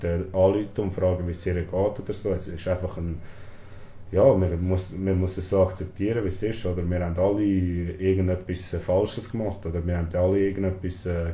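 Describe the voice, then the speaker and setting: Interviewed in a small prison storeroom, an inmate in his twenties from Switzerland, a native Serbian speaker with a Swiss German accent, answers hesitantly. He fills gaps with "äh" and closes thoughts with a questioning "oder?". His voice is low, very dark, muffled and mellow, and the room is echoey with faint noise behind.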